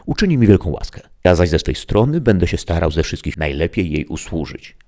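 A man voicing a blustering, hungry peasant-governor who grumbles indignantly and loudly. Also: low-pitched, big pitch swings, a little fast. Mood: pompous. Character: blustering hungry peasant-governor Sancho, male, middle-aged.

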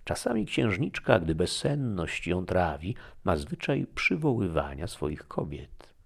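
A man reading aloud voicing a young noblewoman who guides a guest through a palace, earnest and pleading, with a husky, gravelly voice raised higher than his own. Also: big pitch swings, a little slow, heavily acted. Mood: explaining.

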